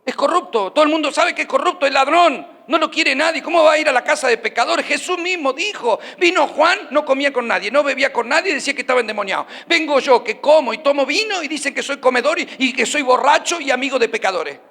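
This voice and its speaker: A man preaching a sermon in a church, animated, acting out the people in his stories. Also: very high voice, fast talker, hardly any pauses, long reverb tail. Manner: animated, acts out the characters of his stories with voseo asides.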